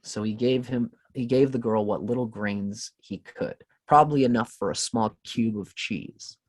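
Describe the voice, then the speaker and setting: A man on a podcast, calmly telling a spiritual story in an unhurried, reflective way. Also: mid-range voice, no room sound. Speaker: podcast guest. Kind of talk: casual storytelling in conversation.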